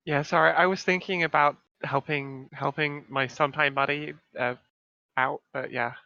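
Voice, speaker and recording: A man playing a tabletop game, chatting casually in an animated, sweary way. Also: on the high side, moderate pace, creaky, dry recording. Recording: slightly dull lo-fi microphone.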